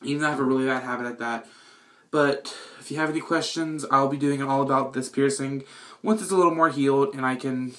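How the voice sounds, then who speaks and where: A man's voice: mid-range voice, steady tone, quick pace. A man giving an informal, self-deprecating how-to in a casual vlog style, with bathroom echo on his voice. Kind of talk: casual chatty tutorial. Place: indoors in a small bathroom. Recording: echoey bathroom reverb.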